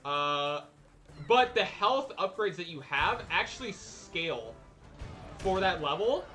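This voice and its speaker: A young man gives relaxed, slangy commentary on his own live speedrun, speaking a touch higher than most men. Loud game music plays under his voice throughout. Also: slow. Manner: casual and slangy, joking. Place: speedrun event stream. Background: game music and sound effects.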